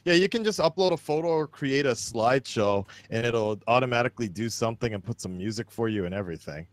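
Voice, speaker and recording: A man's voice: mid-range voice, lively intonation, fast talker, dry recording. A man chatting as a guest creator on a livestream, rambling and repeating phrases as he works toward his point. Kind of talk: casual chat on a livestream.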